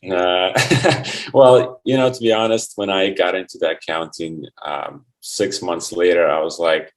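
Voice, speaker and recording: A man from Ukraine, a guest in a casual online interview, relaxed and friendly with many fillers. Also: sits low, unhurried. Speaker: guest, QA engineer.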